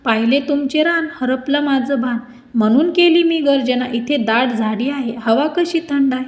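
A woman's voice: sits high, moderate pace, roomy sound, close to an everyday voice. A woman voicing a polite male lion in a children's story, asking respectfully to stay. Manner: respectful, pleading.

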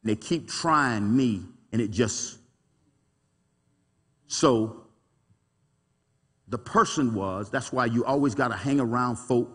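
A man preaching a sermon as pastor, animated and folksy, with call-and-response asides to his congregation. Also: medium pitch, takes it slowly, long pauses, breathy edge, in a large hall. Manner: folksy, colloquial speech. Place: church sanctuary.

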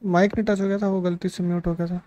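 A man streaming a shooter game, chatting casually with a teammate and calling out enemies in quick, excited bursts. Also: high-pitched, muffled recording, a little hiss or hum. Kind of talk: casual gaming chat with teammate.

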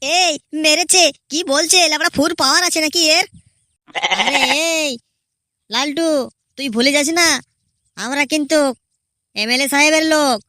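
A woman's voice: high voice, moderate pace, long pauses, bright, forceful tone, no echo, clean studio sound. A woman voicing a cheeky, mocking young male henchman in a cartoon. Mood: taunting. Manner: teasing, taunting, crude jokes.

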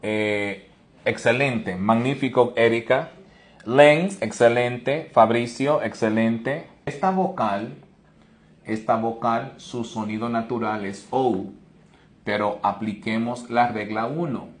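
A man's voice: mid-range voice, takes it slowly. A man teaching English pronunciation in an online lesson, explaining each rule step by step and praising viewers by name.

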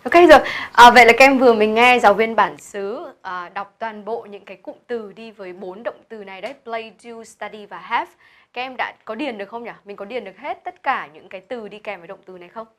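A woman's voice: on the high side, a little fast. Woman, English teacher, Vietnamese accent, patient step-by-step explaining. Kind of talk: classroom video lesson.

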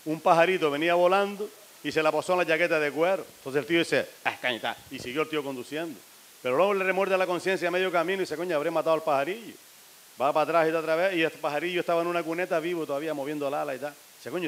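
A man's voice: on the high side, racing, a bit bright. A man telling a string of jokes to a live audience, acting out the characters' lines. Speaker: stand-up comedian.

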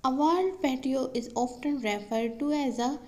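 Woman reading out a how-to list, bit high-pitched, trips on words now and then. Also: moderate pace, a little mellow, poor audio. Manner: reads questions and answers like a list, with some slips and restarts. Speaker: narrator. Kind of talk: read-aloud explainer narration.

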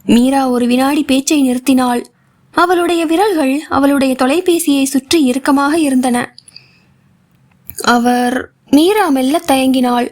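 A woman narrating a novel for an audiobook with a steady storytelling delivery. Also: high-pitched, measured pace, pauses often.

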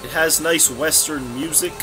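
A young man with a slightly raised voice talks through his gameplay in a loose, rambling way. He trails off, corrects himself and restarts his sentences. Game music plays clearly underneath his voice. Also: on the high side, steady tone, normal speed. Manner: rambling, scatterbrained, self-correcting. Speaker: let's play commentator. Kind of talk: casual gameplay commentary. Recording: game music playing behind.

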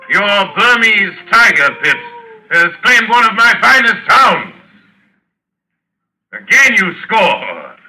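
Slow, gloating aristocratic villain general. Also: male voice, sits high, pushed and bright, full character voice, poor audio. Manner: slow, theatrical, gloating courtesy. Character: suave, cruel aristocratic general who hunts men for sport. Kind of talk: 1940s radio suspense acting. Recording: old radio recording with faint noise.

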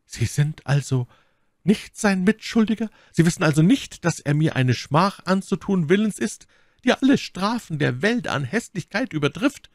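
A man's voice: sits high, lively intonation, normal speed, dry recording, studio quality, voice pushed up. A man reading an audiobook, voicing a desperate, scheming young noblewoman prisoner who pleads fervently and theatrically. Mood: indignant.

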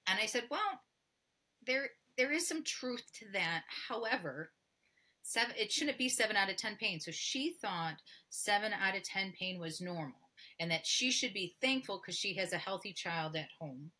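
With a medium pitch, lively intonation and a pushed, bright sound, a middle-aged pelvic floor physical therapist talks at a normal speed. Interviewed as a podcast guest over a video call in an indoor room, she's candid and often acts out little exchanges.

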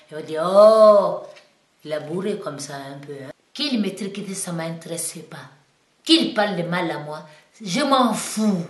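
In a reverberant space, a Guinean woman with a fairly low voice answers interview questions as a singer and musician. Her Guinean-accented French is simple and broken, full of restarts, and it becomes heated and emphatic.

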